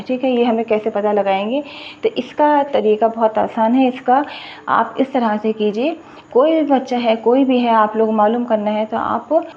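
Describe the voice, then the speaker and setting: Woman teacher, patient and repetitive, slightly high voice, dull lo-fi sound. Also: dark tone. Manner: patient, repeats words and spells them out letter by letter. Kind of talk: beginner language lesson.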